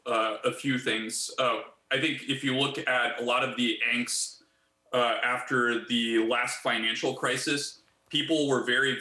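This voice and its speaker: A man in his thirties, a company chief executive, answering interview questions in a measured way with many fillers and restarts. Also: mid-range voice, pushed and bright, echoey room. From Bulgaria.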